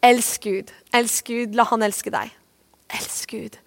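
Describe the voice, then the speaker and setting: A woman's voice: fairly high pitch, steady tone. A woman pastor giving a sermon, earnest and repeating short phrases for emphasis, then leading a spoken prayer.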